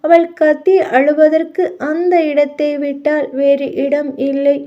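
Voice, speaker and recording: A woman narrating an audio novel in a steady, dramatic storytelling manner, on muffled lo-fi audio. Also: high voice, slow.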